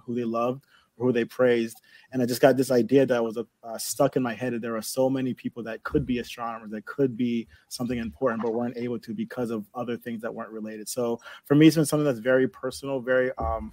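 A man's voice: medium pitch, darkish tone, dry recording. A man speaking as a panelist in a casual online discussion, earnest and personal.

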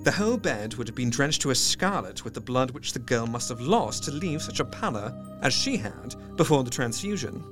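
A man acting an earnest doctor reading his diary in a radio play. His mid-pitched voice is measured and articulate, closely observant, over faint background music. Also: sing-song, lightly acted. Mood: puzzled, analytical. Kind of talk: scripted first-person narration, audio drama.

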